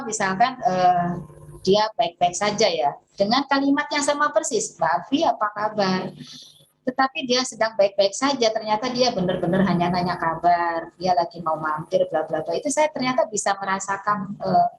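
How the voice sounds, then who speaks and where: A woman therapist talking casually and explaining self-healing techniques step by step as she demonstrates them, with lively rises in pitch and a friendly, chatty manner. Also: normal speed, rough recording. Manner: warm, chatty teaching with hands-on demonstration; lively pitch swings and occasional laughs.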